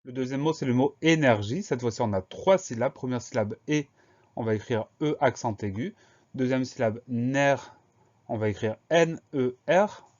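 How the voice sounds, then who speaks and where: A man teaching a spelling lesson, slowly and patiently spelling out words letter by letter. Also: medium pitch, darkish tone. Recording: dull lo-fi recording.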